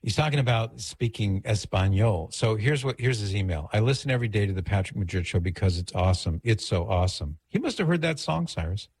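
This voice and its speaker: A middle-aged man from the Los Angeles area of the United States hosts a call-in talk radio show from a studio. His voice is lowish, darkish, and slightly rough, delivered animatedly and fairly quickly with hardly any pauses. He's casual and conversational, wandering into rambling asides as he reads and reminisces.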